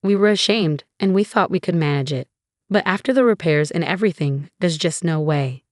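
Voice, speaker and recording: A woman's voice: on the low side, fairly quick, darkish tone, dry recording, clean studio sound, lightly acted. A woman voicing an ashamed, tearful mother-in-law who pleads through sobs in a story. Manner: sobbing, pleading.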